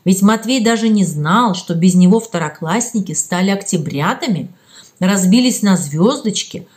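A woman narrating a children's story as an audiobook, reading in an expressive storytelling way. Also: mid-range voice, moderate pace.

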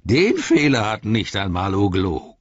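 A man voicing a sly, menacing male orc who hisses and whispers slowly, with a husky voice in a slightly dull recording. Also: on the low side, wildly swooping pitch, no room sound, heavily acted. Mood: gloating menace. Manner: hissing, whispery, slow and drawn-out.

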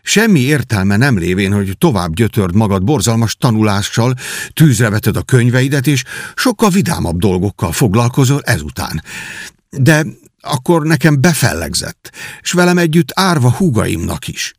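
A man's voice: medium pitch, very animated, no echo, studio quality. A man voicing a humble, devoted young whipping boy who speaks in an earnest, imploring way. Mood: pleading.

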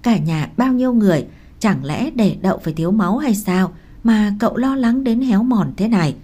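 A woman's voice: mid-range voice, expressive, fairly quick, warm tone, close to an everyday voice. A woman reading the lines of a caring young woman who coaxes a tired mother to eat, in an audiobook. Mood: coaxing. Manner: coaxing, practical. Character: caring sister-in-law, brisk and encouraging.

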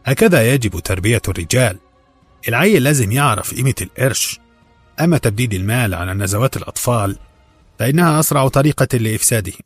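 A man voicing a stingy middle-aged Egyptian husband who speaks calmly and sarcastically, with a husky voice. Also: medium pitch, fast, no room sound, faint music behind. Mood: lecturing. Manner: calm, dismissive, sarcastic.

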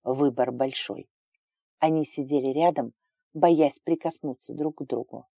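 A woman narrating a romance story in a calm, even reading voice. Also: low-pitched, unhurried, husky, no room sound, clean studio sound.

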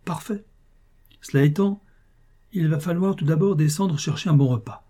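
A man reading aloud and voicing a shabby, sly old male bailiff's clerk who talks in a wheedling, grandly flattering way. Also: on the high side, normal speed, voice pushed up, lightly acted. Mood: sly, jovial.

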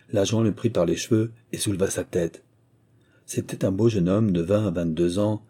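A male audiobook narrator with a very dark, mellow tone and a husky grain. He reads in a low register at a steady, measured pace. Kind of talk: scripted narration.

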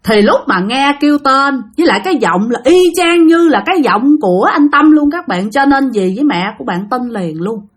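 A woman's voice: high-pitched, lively intonation, normal speed, few pauses. A woman telling a ghost story, dramatic and talking straight to her listeners. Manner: dramatic, addresses listeners directly. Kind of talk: spoken ghost story narration.

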